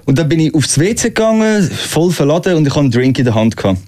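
A man's voice: fairly high pitch, big pitch swings, fast talker, a little mellow. A man from Switzerland with a Swiss German accent, telling stories in a casual chat.

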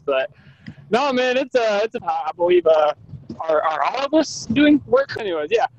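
A man's voice: very high voice, very animated, normal speed, soft background music. A man chatting casually and jokingly as a podcast co-host from inside a truck cab. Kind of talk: casual chat. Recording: dull lo-fi remote call from truck cab.

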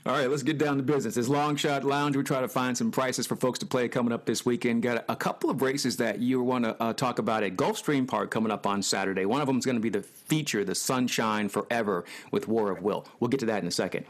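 Male host, mid pitch, upbeat, leads the segment. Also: fast, few pauses. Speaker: podcast host. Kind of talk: podcast hosting.

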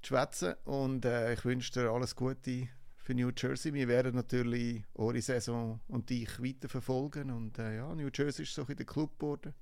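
A man with a Swiss German accent interviews in a casual, chatty style. His mid-pitched voice has clear vocal fry, and the sound is dry with no room echo. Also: level tone, normal speed, few pauses, darkish tone.

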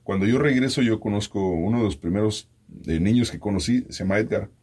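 Brief: Mexican-accented male host in his forties, husky, chatty storyteller who keeps restarting his sentences. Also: lowish voice, a little fast, darkish tone. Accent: Mexican Spanish. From raised in Mexico, born in the US. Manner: rambling storyteller with many fillers and restarts. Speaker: radio host interviewing a colleague. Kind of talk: casual conversational interview.

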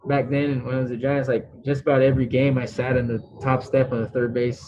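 A man, a former baseball pitcher, telling a story as an interview guest, rambling and swearing freely. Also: a little fast, dull audio, crowd noise. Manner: animated, rambling storyteller who restarts and swears.

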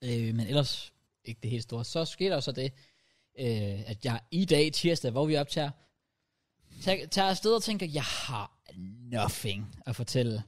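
A young man on a podcast, telling a story in lively casual chat and dropping English slang into his speech. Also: mid-range voice. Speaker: podcast co-host.

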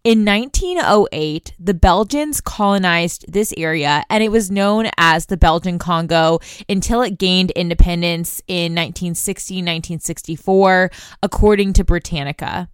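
Smooth, low-voiced woman hosting a news podcast. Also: normal speed, no echo, clean studio sound. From United States. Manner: conversational, addresses listeners directly. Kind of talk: news explainer monologue.

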